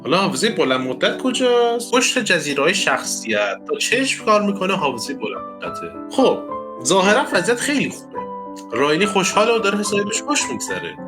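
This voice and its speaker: A man's voice: high voice, very animated, over music. A man narrating a comedic film recap in a playful way, often dropping into silly character voices.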